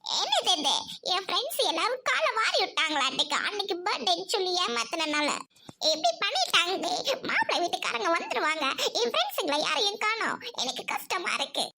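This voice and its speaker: A woman's voice: very high-pitched, normal speed, gravelly, very noisy. A woman voicing a worried young bride in a cartoon who feels alone and close to tears. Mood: anxious. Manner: worried, tearful. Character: anxious young bride awaiting the groom's family.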